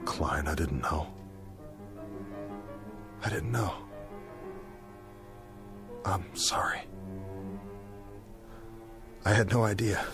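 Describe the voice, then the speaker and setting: Grieving, a young bomber captain in a radio drama talks to himself in halting, searching fragments, dazed and guilt-ridden. The American actor gives a full character voice that sits low.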